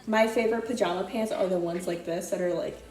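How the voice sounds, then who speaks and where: A woman's voice: lowish voice, steady tone, quick pace, darkish tone. A young woman chatting casually through a thrift haul, rambling with lots of fillers and restarts. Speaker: vlogger. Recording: echoey room with faint music. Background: faint music.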